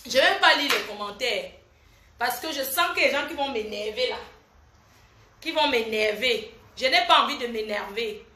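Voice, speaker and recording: Brief: older woman live streamer, defiant and lecturing, a touch high-pitched, in an echoey room. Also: animated, moderate pace, sharp tone. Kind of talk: casual Facebook live. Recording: echoey room with faint noise.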